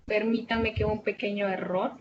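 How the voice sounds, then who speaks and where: A woman with a Salvadoran Spanish accent giving an online class lecture as a tutor. She explains patiently, asks her students rhetorical questions and often fills pauses with "este". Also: mid-range voice, fairly even intonation, dull audio, background noise. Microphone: video call.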